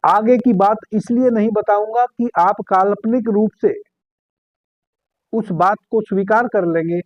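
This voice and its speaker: A man with a fairly high voice leads a guided meditation in a calm, unhurried way, repeating key phrases. The recording sounds thin and phone-like, dry and close. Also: no echo. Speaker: spiritual meditation teacher.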